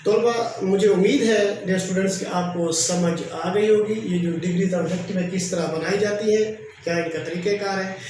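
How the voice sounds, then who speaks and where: A man teaching a grammar lesson, explaining slowly and repeating each example. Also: high-pitched, fairly even intonation, a little mellow. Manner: slow, repetitive explaining. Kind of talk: classroom lecture. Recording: very echoey room, faint noise.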